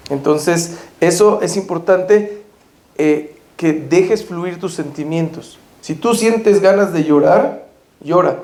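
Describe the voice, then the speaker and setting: A middle-aged man speaking reflectively about grief from his own experience, halting, with frequent restarts. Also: on the high side, a little mellow. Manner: halting, with many restarts and pauses. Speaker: speaker sharing personal experience. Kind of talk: reflective personal testimony. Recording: echoey room.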